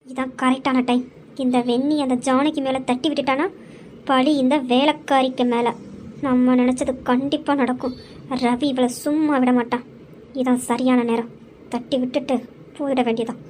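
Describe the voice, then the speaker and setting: A woman voicing a jealous, scheming young woman villain who talks in slow, low asides. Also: fairly bright tone, slight background noise.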